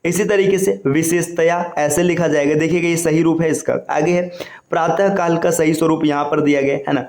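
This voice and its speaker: A man's voice: on the high side, steady tone, moderate pace, a little mellow. A man teaching an exam-prep spelling lesson, explaining each word patiently and often checking in with his listeners. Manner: repetitive, explanatory, frequent tag questions. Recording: echoey room.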